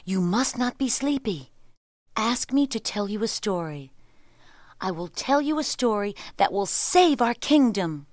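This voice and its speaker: A resolute young heroine from a storybook, as a woman reader puts her on, her lines lifted higher and louder than the narration and full of lively rise and fall. The sound is dry and close, with no room around it. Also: unhurried, dry recording, lightly acted. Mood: confiding. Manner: earnest, pleading, raised voice. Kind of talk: storybook reading.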